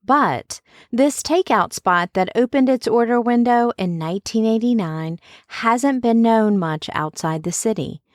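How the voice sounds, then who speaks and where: A woman's voice: fairly high pitch, lively intonation, a little slow, no room sound. A woman hosting a podcast, speaking from inside a clothes closet. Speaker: podcast host. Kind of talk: scripted introduction, then casual interview chat. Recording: close, dry closet sound.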